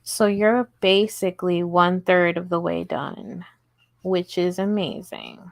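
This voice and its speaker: Working on crochet at a table indoors at home, a woman livestreams in a fairly low voice with vocal fry, taking it slowly. She chats and giggles with her viewers as she goes, and there's no room sound.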